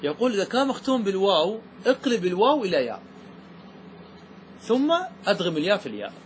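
A man teaching grammar, asking the class questions and slowing down to stress key words. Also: high-pitched, sing-song, a little hiss or hum. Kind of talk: classroom lesson explaining verse.

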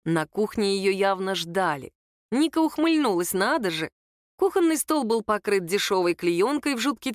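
A woman reads a story aloud in an even, mid-pitched voice. Her delivery is steady and intimate, and the sound is dry and close, with no room echo around it. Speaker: narrator. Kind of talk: audiobook story reading.

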